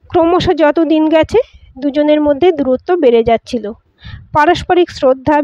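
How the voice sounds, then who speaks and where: High-voiced woman narrating a story. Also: a little mellow, no room sound, highs cut off. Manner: acts out the lines of the husband, wife and friends in quoted speech.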